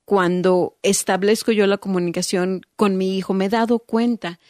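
A woman's voice: medium pitch, fairly even intonation, normal speed, darkish tone, dry recording, studio quality. A woman hosting a conversation, reflective and relating things to her own family. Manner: reflective, shares personal examples. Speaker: host. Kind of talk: interview chat.

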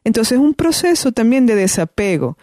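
Mellow-voiced woman giving parenting advice. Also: fairly high pitch, big pitch swings, moderate pace, no room sound. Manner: thoughtful, many restarts and fillers. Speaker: parenting guest speaker. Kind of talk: conversational advice.

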